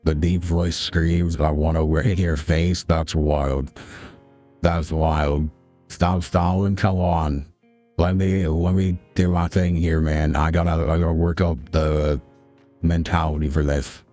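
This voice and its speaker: This is a man heard through a deep voice changer that pushes his voice extremely low. He talks slowly and lazily in joking banter with his chat, full of slang. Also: level tone, mellow, faint music behind. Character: booming ultra-deep filtered male streamer voice. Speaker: streamer.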